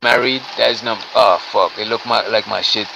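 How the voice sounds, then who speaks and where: A man's voice: on the low side, steady tone, normal speed, creaky, pushed and bright, lo-fi sound, soft background music. A man speaking as a guest on a video call, blunt and profane, his audio garbled so it sounds underwater. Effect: garbled underwater-sounding audio from a faulty connection. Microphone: video call device.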